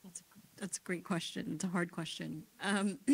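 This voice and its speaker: Woman answering academic questions, halting. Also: lowish voice, fairly even intonation, creaky, husky. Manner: thoughtful, halting, many restarts and "um"s. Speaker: conference speaker answering questions. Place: theater hall at a conference.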